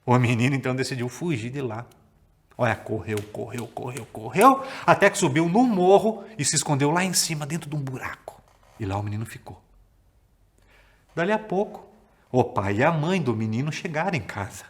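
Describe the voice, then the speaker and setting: Animated man telling a children's story. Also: medium pitch, normal speed. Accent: Paraná Brazilian Portuguese. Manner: animated and theatrical, stretching words and talking straight to the children.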